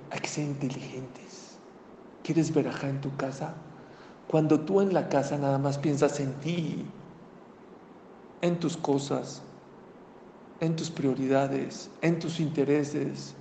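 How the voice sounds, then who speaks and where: A man preaching a sermon, telling a story and asking the audience questions. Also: mid-range voice. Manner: animated, conversational, asks the audience. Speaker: rabbi preacher. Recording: echoey hall, faint noise.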